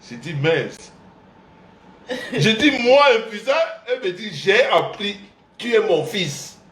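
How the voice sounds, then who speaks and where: Animated storytelling man, echoey room. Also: sits high, takes it slowly. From Central Africa. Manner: acts out his mother's and father's voices, laughing often. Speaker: host of a couples live show. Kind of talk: animated storytelling to a live audience. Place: indoor room, livestream.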